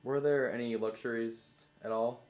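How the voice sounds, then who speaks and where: A man's voice: mid-range voice, steady tone, normal speed. A man working as an interviewer, reading out questions. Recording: slightly dull, lo-fi sound.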